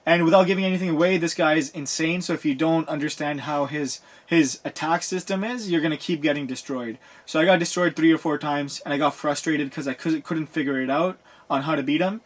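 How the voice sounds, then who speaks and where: Relaxed man telling gaming stories. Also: fairly high pitch, fairly quick. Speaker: podcast co-host. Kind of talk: casual chat.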